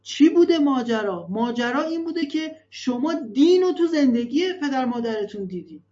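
A man's voice: very high voice, expressive, dark tone. Earnest man counseling parents, lo-fi. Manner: earnest, emphatic, rhetorical questions. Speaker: religious family counselor. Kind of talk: advice talk to parents. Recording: dull lo-fi recording.

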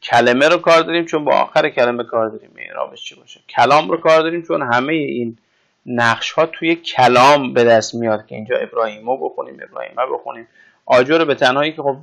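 A man's voice: mid-range voice, gravelly, a bit bright. A man teaching Arabic grammar in an informal classroom lecture. He explains with everyday examples and keeps checking that his listeners follow.

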